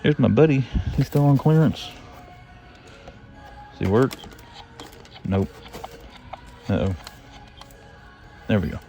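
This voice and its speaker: Faint music sits behind this middle-aged toy-collecting vlogger, whose mid-range Southern-drawled voice is warm and lively. He takes it slowly with frequent pauses, rambling chattily to himself as he browses store shelves for toys.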